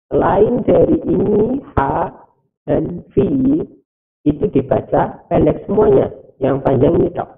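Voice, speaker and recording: Slow, gravelly man teaching recitation. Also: fairly high pitch, wildly swooping pitch. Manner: slow, deliberate, drawn-out recitation with repetition; explains rules step by step. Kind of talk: recorded teaching video. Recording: tinny, phone-like, narrow sound.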